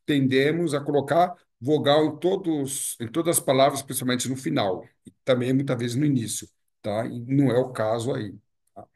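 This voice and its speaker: Gravelly Brazilian man teaching pronunciation. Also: mid-range voice, normal speed, a little mellow. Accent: Brazilian Portuguese. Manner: explanatory, repeats key words, checks in with tag questions. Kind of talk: online pronunciation lesson.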